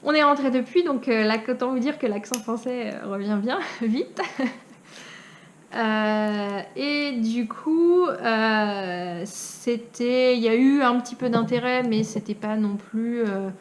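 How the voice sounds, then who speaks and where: A woman's voice: a little high, slow pace, slight background noise. A young Frenchwoman from France chatting casually as a knitting vlogger, with many hesitations and frequent laughs. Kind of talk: casual chat.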